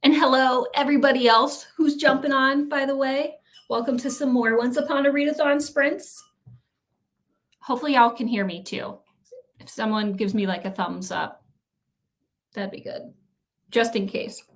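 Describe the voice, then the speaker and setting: A young woman chats on a home livestream, reading out viewer comments and teasing rival teams. Her voice sits a little higher than usual, and she talks loosely and playfully. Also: steady tone, moderate pace, pauses often. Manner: chatty, playful trash talk, frequent laughs. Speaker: streamer hosting a reading sprint.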